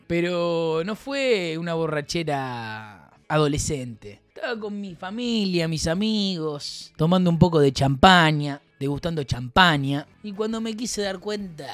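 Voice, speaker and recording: A man with a Rioplatense Argentine accent chatting casually on his stream, rambling and joking in heavy slang. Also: on the high side.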